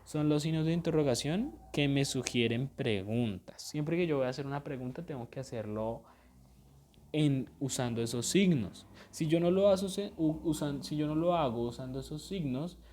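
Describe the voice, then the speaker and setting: A man's voice: on the high side, normal speed, warm tone, a little hiss or hum. A male teacher giving a grammar lesson, explaining each point patiently, checking that students follow, and repeating things with small self-corrections.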